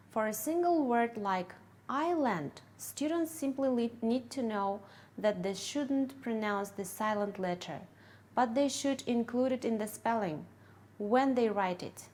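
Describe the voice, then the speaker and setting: A woman from Kyrgyzstan, an English teacher, giving a careful training talk and a demonstration lesson with clearly articulated words. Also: mid-range voice, a little hiss or hum. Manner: slow, deliberate, clearly articulated.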